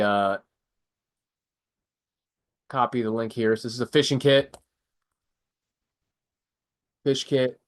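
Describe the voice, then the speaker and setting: A young adult man with a stuffy, congested, mid-range voice and a fairly bright tone hosts a prepper channel's casual live stream. He rambles through product picks, correcting himself often.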